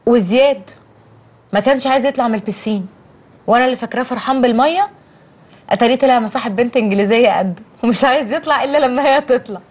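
An actress playing a young Egyptian wife who talks in a chatty, coaxing way. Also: female voice, on the high side, rapid-fire, husky. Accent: Egyptian Arabic.

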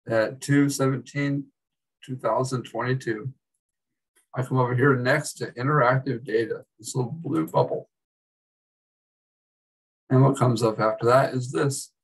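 A man giving a casual, chatty screen-recorded software tutorial as an instructor, with wry asides. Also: medium pitch, steady tone, a little slow, pauses often, husky, distant mic, rough recording.

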